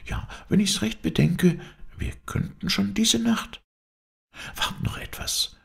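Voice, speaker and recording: A man's voice: high-pitched, takes it slowly, creaky, a bit bright, pitched above the performer's own voice, exaggerated voice. A man voicing a spirited young woman circus rider in an audiobook, talking in an urgent, playful rush. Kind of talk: audiobook character voice.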